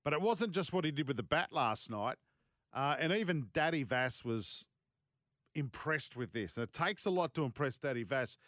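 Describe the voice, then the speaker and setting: A man's voice: on the high side, expressive, moderate pace, fairly bright tone, no echo, studio quality. A man with an Australian accent hosting casual sports talk. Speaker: sports radio host.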